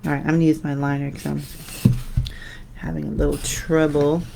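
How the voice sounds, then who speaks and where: A woman hosting a live painting tutorial, chatting with viewers and trailing off into quiet mutters as she concentrates. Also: low voice, flat delivery, a little fast, gravelly, background noise. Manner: chatty, answers viewer comments while painting; drifts into soft mutters when concentrating. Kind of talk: live painting demo, casual chat.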